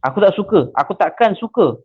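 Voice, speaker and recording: A man's voice: sits high, lively intonation, a little fast, husky, pitched above the performer's own voice. A man with a Malaysian accent voicing a young man who pleads earnestly and insistently. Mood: contrite. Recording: tinny phone-like audio.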